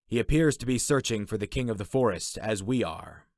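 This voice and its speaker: A stern, wary male warrior, formal and guarded in speech, as a male narrator puts him on. The voice is fairly low, and the dry storybook recording has no room. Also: expressive, fairly quick, darkish tone, dry recording, lightly acted.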